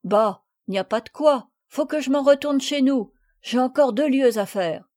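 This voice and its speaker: Lady doing a friendly butcher guy from a storybook, hearty and folksy, kinda high voice. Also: moderate pace, darkish tone, no echo, studio quality, lightly acted. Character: good-natured country butcher, grown man.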